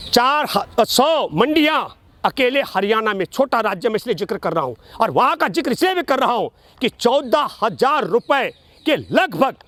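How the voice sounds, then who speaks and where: Male, very high voice, dry close sound, political commentary, argumentative, oratorical, repetitive emphasis. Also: fairly bright tone, no room sound. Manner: emphatic, argumentative, repeats phrases for stress. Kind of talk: political commentary speech addressed to an interviewer.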